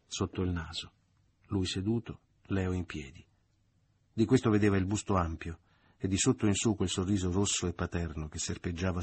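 A man narrating a literary audiobook in a measured, deliberate reading. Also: deep voice, husky. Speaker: audiobook reader.

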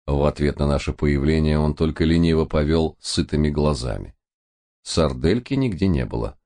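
Male audiobook narrator with a very deep voice and steady delivery. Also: normal speed.

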